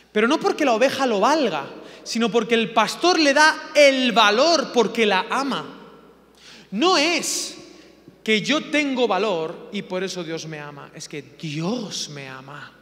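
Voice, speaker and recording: A man preaching a sermon, humorous and animated, firing off rhetorical questions. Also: high voice. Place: church. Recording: long reverb of a church hall.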